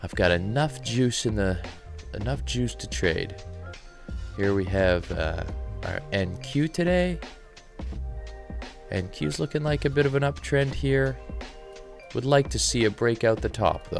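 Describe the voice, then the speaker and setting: A man hosting a live trading stream, talking in a calm, soft, relaxed radio-DJ manner and sounding a little tired. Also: mid-range voice, unhurried, gravelly, pauses often, faint music behind. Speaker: trading livestream host. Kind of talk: live market commentary reading chat.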